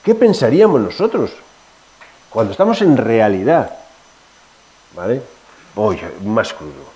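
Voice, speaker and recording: A man's voice: medium pitch, big pitch swings, unhurried, mellow, poor audio. A middle-aged man giving an informal sermon, telling personal stories and asking his listeners questions, with frequent restarts. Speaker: preacher.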